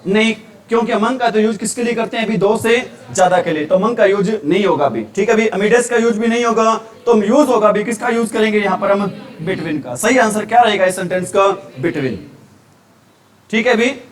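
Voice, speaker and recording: A teacher from India, whose voice is strikingly high, goes over grammar in a revision lecture at normal speed. He keeps supplying answers to his own questions, and the mic sits at some distance.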